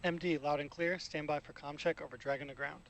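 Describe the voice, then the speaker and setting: Higher-voiced man on astronaut radio loop. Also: fairly even intonation, fairly quick, fairly bright tone. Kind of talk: astronaut radio com check, terse procedural calls. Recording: faintly noisy radio com loop.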